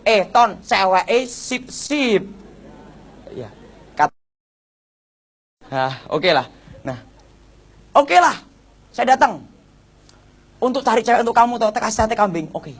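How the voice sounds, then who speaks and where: A man with a Javanese accent giving an animated church testimony, repeatedly addressing his listeners and acting out the people in his story. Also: sits high, measured pace, long pauses, husky. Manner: keeps addressing the audience as brothers and sisters; acts out dialogue with lively voice swings.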